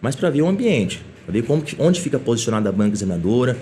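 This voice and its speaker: Fast-talking man telling a story. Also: medium pitch, a little hiss or hum. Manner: lively anecdotal telling, frequent tag questions. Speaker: police chief, podcast guest. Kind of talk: casual interview storytelling.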